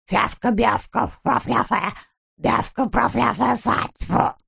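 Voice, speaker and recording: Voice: medium pitch, slow pace, creaky, bright, forceful tone, heavily acted. An audiobook reader voicing a stingy, grumbling rich man who lisps, saying F instead of R. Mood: gagged babble. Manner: grumbling, haggling. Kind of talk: audiobook character voice.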